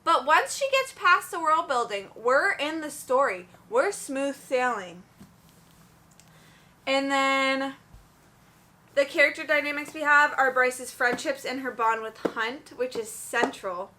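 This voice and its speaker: A woman's voice: sits high, expressive, slow pace, pushed and bright. A young woman chatting casually about books in a review vlog, gushing and full of "like"s. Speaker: book reviewer.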